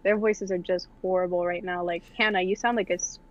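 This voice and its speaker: A woman's voice: lowish voice, steady tone, brisk, dull audio. A woman in casual group podcast chat, blunt and teasing as a panelist.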